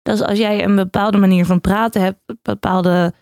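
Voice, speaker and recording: A woman's voice: mid-range voice, fairly even intonation, moderate pace, vocal fry, darkish tone, dry recording, studio quality. A woman chatting casually as a podcast co-host. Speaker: podcast co-host and radio worker. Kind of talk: casual chat.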